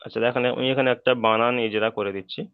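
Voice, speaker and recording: A man teaching Quran reading over an online call, patient and repetitive, stretching out each chanted example. His voice is smooth and clear, but the sound is thin and phone-like, and the room is dry. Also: medium pitch, fairly even intonation, quick pace, no room sound. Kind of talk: online Quran recitation lesson.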